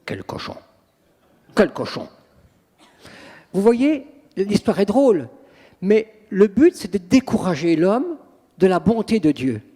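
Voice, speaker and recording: A priest and exorcist in an interview, telling stories in an animated, dramatic way with acted quotes. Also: male voice, high voice, a little slow. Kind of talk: interview storytelling. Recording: long reverb, echoey room.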